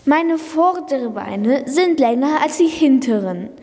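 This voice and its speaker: A woman's voice: high-pitched, expressive, takes it slowly, mellow, big-room sound, exaggerated voice. A young speaker voicing a friendly female Brachiosaurus who patiently explains facts in a children's podcast play. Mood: friendly explaining. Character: friendly female Brachiosaurus, calm plant-eater.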